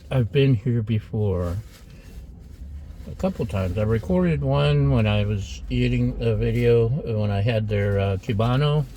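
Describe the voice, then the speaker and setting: A man's voice: mid-range voice, warm tone, slight background noise. A middle-aged man hosting a casual food taste-test vlog in a restaurant, chatty and rambling as he eats between sentences. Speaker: food vlogger.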